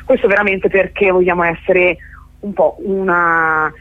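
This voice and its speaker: Heard over a narrowband phone line on radio, a festival organiser with a low, steady voice speaks at a measured pace in a dry recording. She gives long-winded explanations, hesitating and hunting for the right words.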